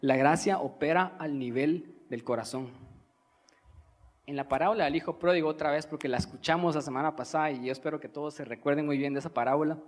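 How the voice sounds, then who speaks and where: A young man from Guatemala, preaching a sermon in an earnest teaching manner, pausing to stress key words. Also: a little high. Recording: reverberant church hall.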